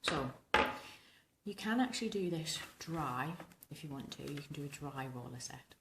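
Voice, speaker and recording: A vintage hairstyling vlogger in her thirties sounds animated at a moderate pace, chatting and rambling to camera during a tutorial. Recovering from tonsillitis, she has a husky, smoky, rumbling, hoarse voice. Her small bedroom gives a roomy sound under heavy background noise.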